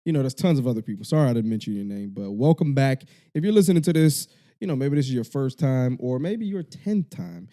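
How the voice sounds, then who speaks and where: Picture a man co-hosting a casual podcast, earnest and a bit halting, stumbling through fillers and restarts. His voice sits in a middling pitch with a dark, mellow tone. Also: lively intonation. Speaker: podcast co-host.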